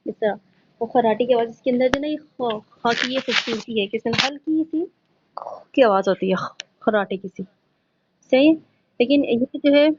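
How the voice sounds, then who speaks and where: A woman's voice: a little high, highs cut off, a little hiss or hum. A woman teaching Quran recitation in a patient, step-by-step way, mixing in English words. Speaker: tajweed teacher. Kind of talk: online Quran recitation lesson.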